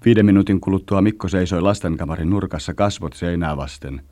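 A man narrates a radio story with a measured, storytelling delivery. His voice is very deep and dark, and it sits dry and close. Vintage radio narration. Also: fairly even intonation, no room sound. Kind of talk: scripted narration.

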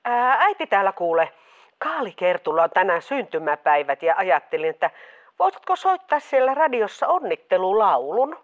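A woman's voice: medium pitch, very animated, lo-fi sound, close to an everyday voice. A woman playing a stubborn, meddling mother who keeps calling a radio quiz under fake voices, in a comedy sketch. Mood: pushy. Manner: stubborn, pushy. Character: meddling mother faking several callers' voices. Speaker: caller, the host's mother in disguise.

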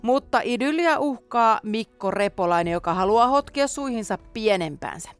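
A woman radio host presenting audio dramas in a smooth, scripted way. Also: on the high side, animated, faint music behind.

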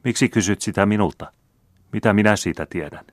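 A man's voice: fairly low pitch, no room sound, pitched above the performer's own voice, lightly acted. A man reading the part of a flighty, worldly baroness who fusses and coaxes her brother. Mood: coaxing. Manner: fussing, coaxing.

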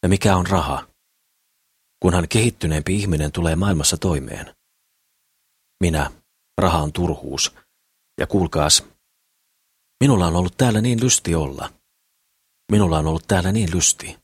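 Guy reading a dreamy naive idealist rambling on, storybook, husky low voice, dry sound. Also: long pauses, no echo. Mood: cheerful. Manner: rambling and eager. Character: naive idealistic poor man, dreamy and chatty. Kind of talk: audiobook character reading.

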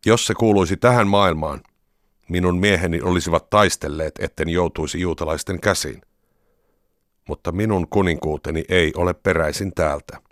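A man voicing a calm male teacher in a scripture reading, quiet and even. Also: sits low, dry recording, clean studio sound.

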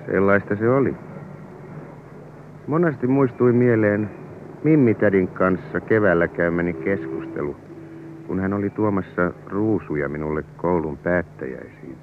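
An actor playing a young man wryly narrating his own story. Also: low voice. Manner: wry, reflective narration. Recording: tinny old radio recording with hiss.

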